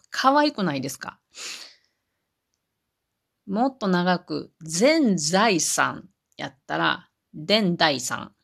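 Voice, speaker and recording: A woman's voice: fairly low pitch, creaky, fairly bright tone, slightly rough. A woman talking on her own in a chatty, explaining way, amused by her examples. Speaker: podcast host. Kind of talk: solo podcast talk.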